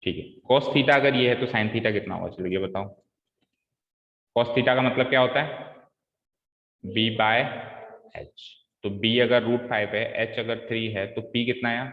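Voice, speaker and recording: A man's voice: medium pitch, fairly even intonation, unhurried. A man teaching a live online maths class, quizzing his students and coaxing them through each step patiently. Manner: quizzes students, calls them "beta" and "bhai". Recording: echoey room, dull lo-fi sound.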